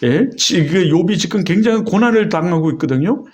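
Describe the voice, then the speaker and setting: A man's voice: animated, brisk, darkish tone. A man pastor preaching a sermon, telling a personal story with emotion and exhorting his congregation. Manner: emotional storytelling with vivid retold dialogue; exhorting and rising in pitch on key points.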